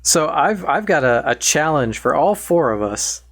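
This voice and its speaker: Podcast host, relaxed casual chat, sets up games, dry close sound. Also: mid-range voice, unhurried, no echo.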